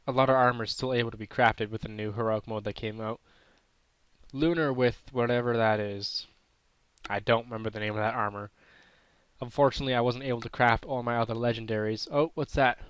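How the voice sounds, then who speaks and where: Man, game commentary, throat irritation, thinks aloud, mid-pitched, dry close sound. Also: fairly even intonation, fairly quick, a bit bright, clear, resonant tone, no echo. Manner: thinking aloud, unsure, self-correcting. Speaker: gaming channel host. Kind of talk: casual gameplay commentary.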